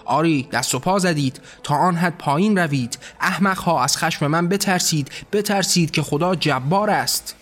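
A man's voice: on the high side, few pauses. A man voicing a raging tyrant god. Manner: raging, shouting threats. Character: wrathful tyrannical male god ruler.

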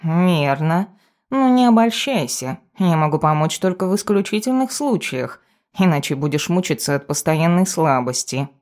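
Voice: mid-range voice, big pitch swings, moderate pace, a little mellow, natural voice. A reader voicing a self-important male talking cat familiar who grumbles and lectures his mistress in an audiobook. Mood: bossy, lecturing. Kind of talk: audiobook character voice.

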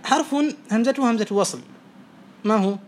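A man teaching Arabic morphology, quizzing students and briskly praising each answer. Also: high-pitched. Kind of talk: oral quiz lesson. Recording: faint background noise.

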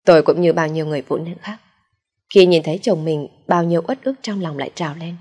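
Low, husky woman narrating a story. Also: fast talker, darkish tone. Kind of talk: scripted first-person audio story narration.

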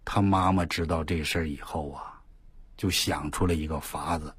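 A man presenting on the radio, telling a story in an animated, emphatic way and rising often to exclaim. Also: very deep voice, moderate pace, slightly rough, no echo.

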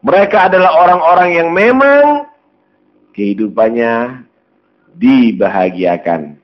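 A man's voice: mid-range voice, expressive, a little slow. A man preaching a storytelling sermon, slipping into dialogue as he retells a scene. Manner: storytelling sermon, mixing Javanese words into Indonesian, acting out dialogue. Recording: dull lo-fi recording.

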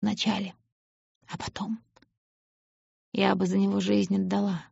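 Woman reading as a hoarse, bitter young servant girl. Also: medium pitch, little pitch movement, unhurried, no echo, highs cut off, full character voice. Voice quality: hoarse, hushed. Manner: sullen, whispering.

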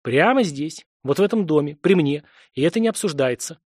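A man's voice: fairly high pitch, animated, fairly quick, no echo. A man reading the part of a stern, commanding grandmother who talks curtly with dry irony. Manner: curt, bossy, dryly ironic.

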